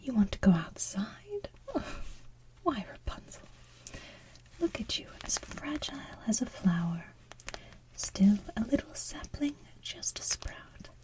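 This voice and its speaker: A woman playing a manipulative, doting villainess mother from an animated musical, half whispering and softly singing in a theatrical, condescending way. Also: a little high, slow pace, low-quality recording. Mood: cooing, patronizing. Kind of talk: soft-sung animated musical villain song.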